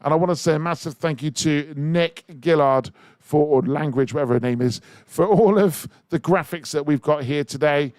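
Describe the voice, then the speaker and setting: A man with a fairly high voice, recorded dry and speaking at normal speed, runs a live charity auction on the radio from a studio. He pushes listeners to place bids with mounting energy and excitement.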